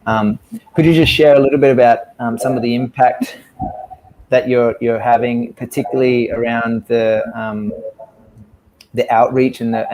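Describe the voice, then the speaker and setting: A man's voice: medium pitch, a little mellow, slight background noise, poor audio. A male interviewer, talking casually and enthusiastically, praising his guest with fillers between phrases.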